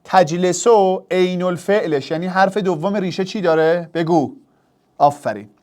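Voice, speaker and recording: Animated male teacher, fairly high voice. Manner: animated, addresses student directly with rhetorical questions. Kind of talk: exam review lesson.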